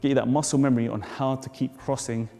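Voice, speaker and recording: Coaching a jump rope move one step at a time, a man speaks quickly and a little breathlessly, giving encouraging cues. His mid-range voice is steady and dark, with vocal fry, and the recording carries hall reverb and faint music.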